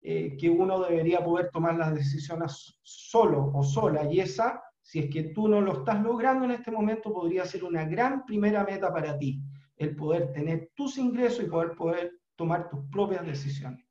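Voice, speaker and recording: A middle-aged man with a Chilean accent, a business trainer telling a motivational story in an earnest, unhurried way with frequent fillers, on a video call from a room at home. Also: sits high, warm tone. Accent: Chilean Spanish. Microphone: webcam on video call. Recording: roomy, dull webcam audio.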